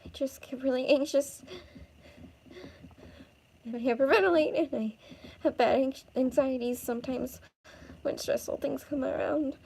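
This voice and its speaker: A woman voicing an anxious young woman who is defensive and prickly, talking in a high-strung, snappish way. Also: wildly swooping pitch, measured pace, gravelly, dark tone, a little hiss or hum, full character voice.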